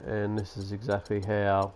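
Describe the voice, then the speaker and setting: A man's voice: on the low side, monotone, moderate pace, darkish tone, a little hiss or hum. A man giving casual, sarcastic commentary while playing a basketball management game. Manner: chatty, sarcastic, grumbles at the game. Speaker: gaming YouTuber.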